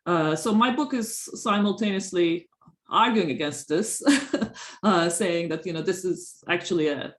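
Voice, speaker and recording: A woman professor from Turkey answers interview questions, halting and full of fillers and little laughs. Her voice carries a noticeable echo from the room around her. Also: on the low side. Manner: hesitant, many fillers and restarts, frequent laughs. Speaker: professor, author. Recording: roomy echo.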